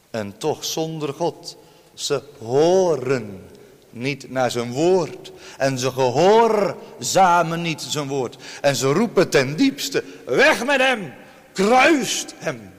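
A man preaching a sermon to his congregation, emphatic, with sharp swings in pitch and loudness. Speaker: pastor. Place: church. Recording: long church reverb.

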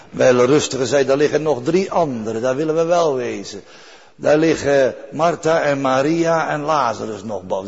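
Older husky preacher in reverberant church. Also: male voice, medium pitch, darkish tone. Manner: earnest, repeats key phrases. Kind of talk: sermon. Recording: dull recording with long church reverb.

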